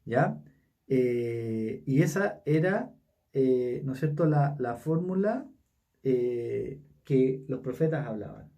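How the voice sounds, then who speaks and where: A man with a Chilean Spanish accent leading a casual Bible study, talking haltingly with many fillers and tag questions. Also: mid-range voice, animated, dark tone, far from the mic.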